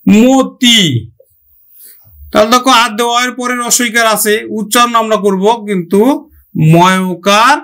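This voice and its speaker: A man teaching an online grammar lesson. He asks questions, answers them himself, and stretches out each example word slowly. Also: sits high, steady tone, sharp tone. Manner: slow, drawn-out pronunciation of example words.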